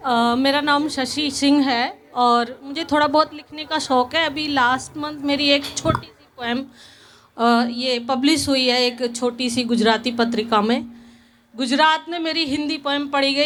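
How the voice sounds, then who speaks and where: A woman reading her own poem aloud to an audience, earnest and measured, repeating lines for weight. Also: high voice, fairly even intonation, fairly bright tone, slight background noise. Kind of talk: poetry recitation.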